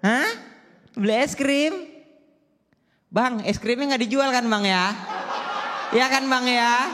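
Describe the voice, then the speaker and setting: A man putting on the voice of a stern mother scolding her young son, in a shrill, threatening voice. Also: very animated, slow pace, background noise, heavily acted. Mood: shrill pleading. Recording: echoey hall.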